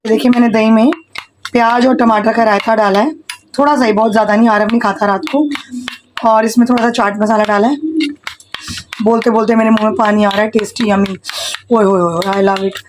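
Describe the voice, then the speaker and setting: A woman in her thirties, slightly hoarse, chatting casually through a home vlog while cooking in her kitchen, holding her phone in one hand. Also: on the high side, fairly even intonation, a little fast, pauses often, background noise. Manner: chatty, mixing Hindi with English phrases. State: hoarse from shouting. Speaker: vlogger and home tutor. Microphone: handheld phone.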